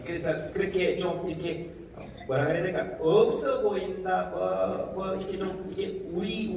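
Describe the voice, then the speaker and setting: Male comedian, slightly high voice, playful talk-concert delivery, distant hall recording with background noise. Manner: animated, jokey, mimics regional speech in quick asides. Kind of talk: stand-up talk to a live audience. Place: large hall with a live audience. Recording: echoey hall audio with noise, from far off.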